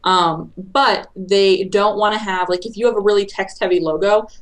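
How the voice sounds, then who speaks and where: A woman guest on a podcast explaining social media marketing in a brisk, chatty way that tends to ramble. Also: mid-range voice, fairly even intonation, rough recording. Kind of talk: casual interview chat.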